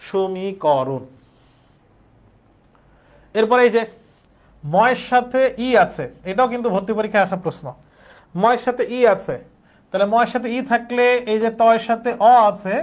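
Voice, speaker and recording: A young man teaches an exam-prep grammar lesson in a high-pitched voice. He works through each point step by step and says the example words aloud again and again. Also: normal speed, pauses often.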